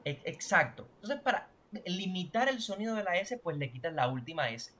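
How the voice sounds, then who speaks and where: A man's voice: sits high, animated, normal speed, pushed and bright, a little hiss or hum. A man teaching a language class online, explaining grammar and often checking that students follow. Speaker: Portuguese teacher.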